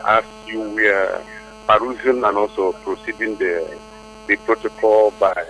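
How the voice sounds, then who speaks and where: A man's voice: fairly low pitch, steady tone, unhurried, fairly bright tone, faint music behind. A man calling into a radio show over a phone line, speaking in rambling, flowery formal phrases full of fillers. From Nigeria. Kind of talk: call-in comment on a radio show. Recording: muffled phone line with hum.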